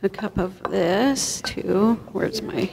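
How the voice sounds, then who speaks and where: Recorded live in a reverberant church kitchen hall, this middle-aged woman teaches a cooking class to an audience in a chatty, explanatory style. Her mid-range voice is gravelly and slow, and the audio is very noisy.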